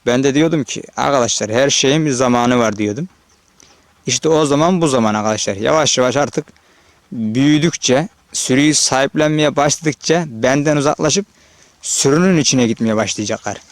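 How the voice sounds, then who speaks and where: A man's voice: medium pitch, moderate pace, dry recording. Shepherd vlogger, male, easygoing talk to camera on a hillside. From Turkey. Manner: chatty, addresses viewers directly, calls out to animals. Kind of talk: casual outdoor vlog narration. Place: open hillside pasture outdoors. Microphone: handheld or body-worn camera.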